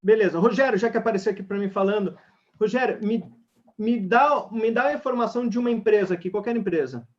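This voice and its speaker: A man's voice: high voice, fast. A man leading an online sales webinar, talking energetically straight to the audience. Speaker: sales trainer. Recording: dull lo-fi webinar audio.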